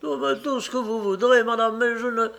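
A man's voice: very high voice, steady tone, moderate pace, gravelly, a bit bright, voice pushed up, heavily acted. A man doing a defiant wounded Paris street lad. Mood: protesting.

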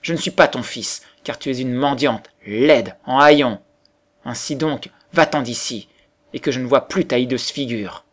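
Brief: man playing a haughty, cruel storybook boy, harsh and loud with a gravelly grain. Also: mid-range voice, moderate pace. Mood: scornful. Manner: harsh, contemptuous, raised voice. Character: proud cruel boy, vain and scornful.

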